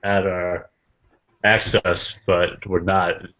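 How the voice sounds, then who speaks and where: A man's voice: sits low, level tone, slow pace, pushed and bright, muffled recording. A man in casual sports chat with friends, joking and teasing.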